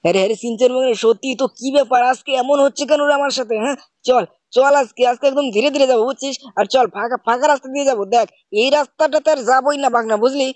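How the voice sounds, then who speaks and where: Gamer guy, quick high chatter, nagging uncle bit, dry close mic. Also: steady tone, no room sound. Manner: scolding, repeats "bujhchhis?". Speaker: gaming channel host. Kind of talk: playful commentary over gameplay, playing the uncle.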